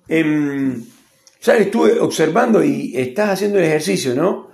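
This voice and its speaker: A man's voice: on the high side, expressive, slow pace, vocal fry, exaggerated voice. A man with a Rioplatense accent voicing a pushy male stranger at the gym who gives unasked advice. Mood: meddling. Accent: Rioplatense Spanish. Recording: echoey room.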